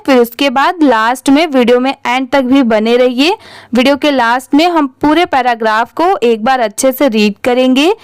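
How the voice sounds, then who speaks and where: A woman's voice: sits high, clear, resonant tone, dry recording. A woman teaching English reading, spelling words out letter by letter and patiently asking how each is read. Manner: patient, repeats "what will we read it as?" questions. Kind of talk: Hindi-language phonics lesson, spelling words letter by letter.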